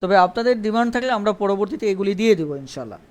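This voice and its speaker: A man's voice: sits high, lively intonation, rapid-fire. A man teaching an online English grammar lesson live. He repeats points and keeps checking that viewers understand. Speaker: English tutor.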